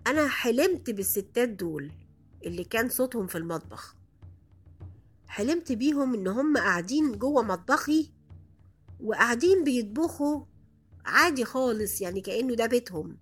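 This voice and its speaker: Egyptian woman, high register, expressive horror storyteller, soft music bed. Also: husky. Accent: Egyptian Arabic. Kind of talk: first-person horror storytelling.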